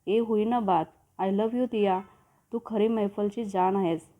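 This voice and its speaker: A lively young bride-to-be who chats cheerfully and chides her friend, read by a woman storyteller. The sound is thin, as if over a phone. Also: mid-range voice, takes it slowly, phone-quality sound, natural voice.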